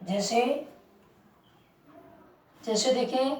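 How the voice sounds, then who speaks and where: A woman teaching a lesson who talks slowly and keeps asking the class questions and repeating the answer. Her voice sits a little high but has a soft, mellow tone. She is recorded from a distance in an echoey room. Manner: slow, repeats words and asks the class questions. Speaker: English teacher. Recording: roomy, distant mic.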